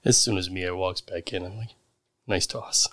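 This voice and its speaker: A man takes part in a tabletop roleplaying game with a fairly low voice. He talks casually, slipping between describing actions and speaking as his character. The recording is close and dry. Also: fairly even intonation, brisk, no room sound.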